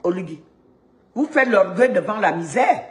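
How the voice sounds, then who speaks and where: A woman's voice: medium pitch, animated, moderate pace. A woman from Gabon delivering a heated, indignant rant, repeating words when she gets stuck. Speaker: activist vlogger. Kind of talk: heated ranting monologue. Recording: echoey room.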